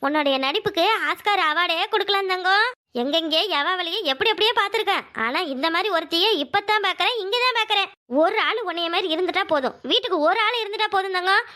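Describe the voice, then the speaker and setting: A woman voicing a sharp-tongued, indignant young housewife in a Tamil cartoon, with a Kanyakumari Tamil accent. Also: very high-pitched, fast talker. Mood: sarcastic. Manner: scolding, sarcastic.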